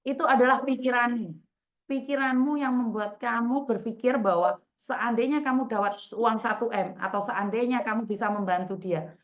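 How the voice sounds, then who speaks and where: A woman hosting a call-in chat, bluntly scolding a caller with rhetorical questions and repeated endearments. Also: on the high side. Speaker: host counseling a caller.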